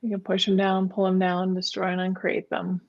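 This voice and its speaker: A woman hosts a podcast and leads a calm guided opening, then speaks about her guest with open delight. Her voice sounds a little muffled, as if recorded on a cheaper line. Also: mid-range voice, normal speed. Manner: soft and gushing, meditative opening. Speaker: podcast host. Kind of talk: podcast interview.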